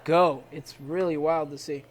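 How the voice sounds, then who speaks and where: A man's voice: on the high side, fairly even intonation, a little slow. A man hosting casual weekly comic reviews, chatty and hesitant, restarting sentences and calling out emphatic verdicts. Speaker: comic shop review show host.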